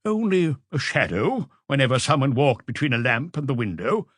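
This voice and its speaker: Here a man reads an audiobook role: a precise, self-assured witness who observes closely and answers matter-of-factly. Mid-range and fairly bright, his voice swings widely in pitch at a moderate pace, recorded cleanly in a studio without room sound.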